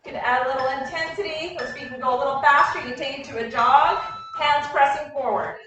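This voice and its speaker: A woman coaching a workout, giving energetic, encouraging and directive short cues and countdowns. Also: high voice, quick pace, muffled recording, soft background music. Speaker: fitness coach leading a warm-up. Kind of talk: group workout instruction, clipped cues and countdowns. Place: echoey indoor room, heard from a distance. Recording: very echoey room, distant mic, faint noise.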